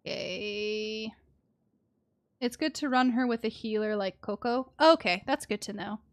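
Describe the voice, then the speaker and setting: Over background music, a woman talks her way through a game on stream, chatty and murmuring to herself while reading. She speaks at a measured pace in a medium pitch.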